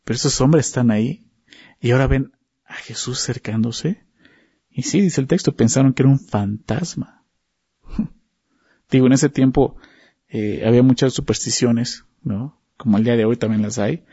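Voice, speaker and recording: A man's voice: medium pitch, normal speed, pauses often, mellow, slightly rough, no echo, dull audio. A man preaching a conversational Bible study sermon, often asking rhetorical questions and repeating words as he restarts.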